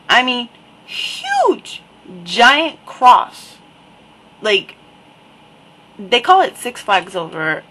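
Wry slow-talking New woman. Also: mid-range voice, poor audio. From New Jersey. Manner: wry, repetitive, deadpan asides. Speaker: vlogger. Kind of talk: casual webcam monologue.

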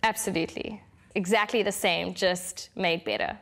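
A woman scientist answers interview questions in a mid-pitched voice. She sounds measured and upbeat throughout. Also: steady tone, a bit bright, soft background music.

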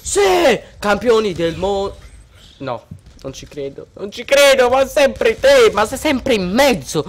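A gamer giving gameplay commentary, swinging between low muttering and outraged yelling at opponents. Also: big pitch swings, takes it slowly.

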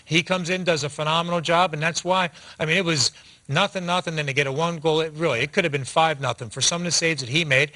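A man in his forties giving post-game hockey analysis in a TV studio, talking fast with restarts, on a lapel mic. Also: on the high side. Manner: fast, animated talk with restarts, gesturing with hands. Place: TV studio set.

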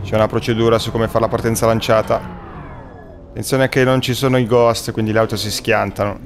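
A man giving casual sim racing commentary, his voice hoarse and worn after the flu, chatty with his viewers. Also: lowish voice, flat delivery, a little fast, background noise. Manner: chatty, addresses viewers as guys. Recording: faint music underneath.

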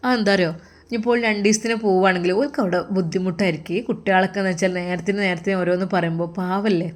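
A woman's voice: on the low side, fairly even intonation, very fast. Woman telling a story in Malappuram Malayalam. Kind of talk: spoken story narration.

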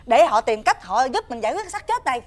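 An actress playing a frightened, tearful wife who stammers. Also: female voice, high voice, very animated, quick pace, slight background noise. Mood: fearful. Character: frightened wife who killed a beggar boy.

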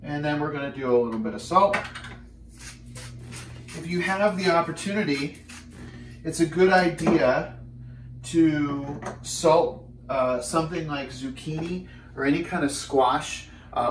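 A man's voice: a little high, far from the mic. A man in his thirties giving a casual, joking cooking demonstration in a small home kitchen, filmed from a few steps away. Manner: upbeat, joking, energetic while cooking. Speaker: fitness cooking host. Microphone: camera mic, filmed from a few steps away. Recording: echoey kitchen, voice slightly off-mic.

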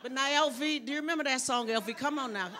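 An older woman preaching as a guest in church, lively with loud bursts of exclamation. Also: sits high, quick pace, a crowd in the background. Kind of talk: sermon. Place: church sanctuary.

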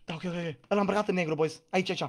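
A man playing a game with friends, excitable, agreeing over and over and breaking into yelps and shouts. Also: high-pitched. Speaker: co-player. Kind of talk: live gameplay chat with friends.

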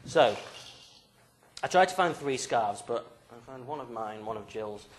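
Holding a mic in a small church hall equipped with a stage and drum kit, a young youth leader jokes playfully with his group in a game-show style. His medium-pitched voice is animated but unhurried, and there is background noise.

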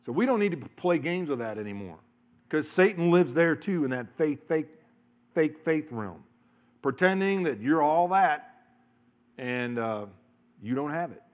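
A middle-aged man, a pastor, preaching a sermon into a handheld microphone on a large church stage, telling stories and acting out voices, dropping to a hush and then rising loud. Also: a little high, expressive, a little slow. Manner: storytelling, acts out voices, shifts from hushed to loud. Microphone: handheld mic.

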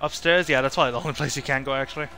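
Horror game music and sound effects run behind a young man streaming gameplay, muttering brief fragments as he comments live. He speaks very fast in a mid-range voice with fairly even intonation.

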